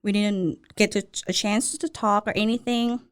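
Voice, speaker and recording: A woman from Thailand with a Thai accent, a restaurant owner in a casual interview, speaking halting English with simple, broken grammar. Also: medium pitch, fairly even intonation, clear, resonant tone.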